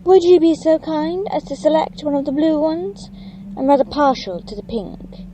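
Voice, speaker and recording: A woman playing a theatrical, mystical divination professor who foretells doom with dramatic, drawn-out delivery in an audio drama. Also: sits high, dark tone, a little hiss or hum, lightly acted, low-quality recording. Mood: airy, portentous.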